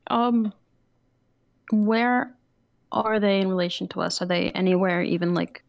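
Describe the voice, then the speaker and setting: Slow, creaky-voiced woman at a game table. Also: mid-range voice, no echo, highs cut off. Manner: hesitant, thinking aloud. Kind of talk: casual game-table talk.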